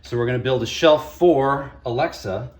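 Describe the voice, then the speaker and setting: Talking viewers through a DIY build step by step, a radio morning show host keeps things casual, folksy and wry. He speaks in a mid-range voice at normal speed over a clear music bed.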